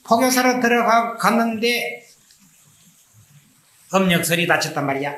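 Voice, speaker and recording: A Buddhist monk with a Gyeongsang accent tells anecdotes in a lecture, acting out the dialogue as he goes. His man's voice sits a little high and comes across bright and forceful. The recording rings in an echoey room with a faint hiss underneath. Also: normal speed. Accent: Gyeongsang Korean. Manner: animated storytelling, acting out dialogue.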